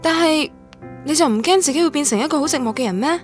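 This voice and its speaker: In a Cantonese radio drama, an actress with a Guangdong accent voices a lonely young woman student looking back on her memories in a wistful, literary, reflective manner. Her voice is high, animated and fast, with soft music behind.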